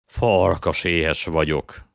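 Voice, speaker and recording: An eager, hungry young boy in a storybook, as a man reads his lines. The voice stays very deep and close, with faint guitar music underneath. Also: no echo. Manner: eager, a bit complaining.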